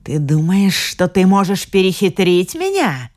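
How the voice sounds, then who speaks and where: A woman's voice: sits low, a little slow, soft background music. A woman voicing a spiteful old witch. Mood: menacing. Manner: hissing, menacing commands.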